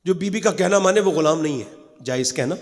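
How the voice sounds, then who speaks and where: A man preaching an emotional sermon to a gathering, dropping to hushed storytelling and rising to high shouted climaxes, urging the crowd to respond. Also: big-room sound. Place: large gathering hall.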